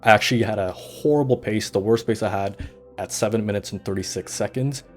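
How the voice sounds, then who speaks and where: A man giving a scripted voice-over for his fitness vlog, steady and matter-of-fact as he lists his numbers. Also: lowish voice, brisk, faint music behind. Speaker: vlogger.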